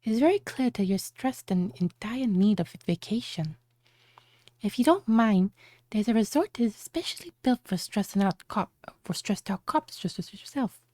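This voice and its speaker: A woman's voice: mid-range voice, lively intonation, warm tone, dry recording, natural voice. A woman reading as a sly male doctor. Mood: probing. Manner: measured, questioning delivery. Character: smooth-talking male doctor questioning a cop. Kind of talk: reading game dialogue aloud.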